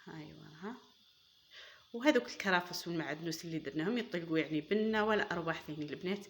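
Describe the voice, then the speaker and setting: Fast-talking Algerian woman cooking host. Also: on the low side. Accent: Algerian Arabic. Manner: chatty, addresses viewers as girls, enthusiastic praise. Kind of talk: casual cooking demonstration.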